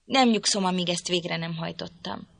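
A woman reading an audiobook, voicing a drunken, violent young father who rants and threatens loudly. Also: medium pitch, lively intonation, no echo. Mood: raging. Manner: loud, ranting, threatening.

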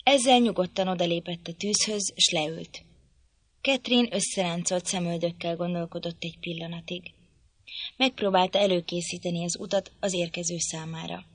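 A woman narrating an audiobook in a calm, measured storytelling manner. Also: fairly low pitch, dry recording. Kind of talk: scripted narration.

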